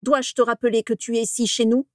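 A woman voicing a cold, haughty young male wizard in an audiobook reading, firm and quiet. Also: a little high, flat delivery, a little fast, no room sound, clean studio sound, pitched above the performer's own voice, close to an everyday voice.

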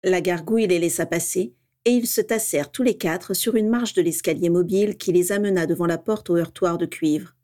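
A woman reading a story aloud with steady, expressive narration. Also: lowish voice, brisk. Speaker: reader.

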